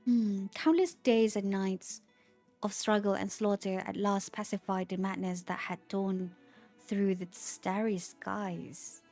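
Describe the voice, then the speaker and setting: A woman's voice: mid-range voice, steady tone, takes it slowly, darkish tone, faint music behind. A woman streamer reading game lore aloud, stumbling over words and breaking off to react.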